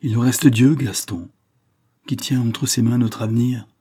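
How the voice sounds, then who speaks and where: A man's voice: mid-range voice, fairly even intonation, unhurried, warm tone, slightly rough, pitched above the performer's own voice. A man reading an audiobook, voicing an anguished but resolute young noblewoman with a raised, pleading voice. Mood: earnest. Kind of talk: audiobook reading of a classic novel.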